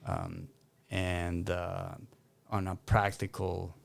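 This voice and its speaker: Counsellor guy from argentina, lowish voice, lots of ums and restarts, thinking out loud. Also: flat delivery, drawn-out words, vocal fry. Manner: thoughtful, many fillers and restarts. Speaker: clinical counsellor guest. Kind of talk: interview conversation.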